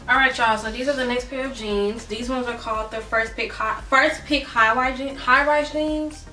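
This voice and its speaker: A woman's voice: a little high, fairly even intonation, moderate pace, bright, forceful tone, far from the mic, faint music behind. A young woman chatting casually through a clothing try-on in her bedroom, full of fillers and "y'all," tired and out of breath. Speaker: vlogger. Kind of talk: casual try-on haul chat. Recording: roomy echo, from off the mic.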